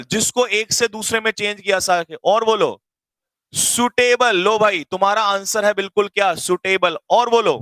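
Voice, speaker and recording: A man teaching an online English grammar class, quizzing students rapid-fire in a teasing, energetic way. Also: sits high, no room sound, rough recording.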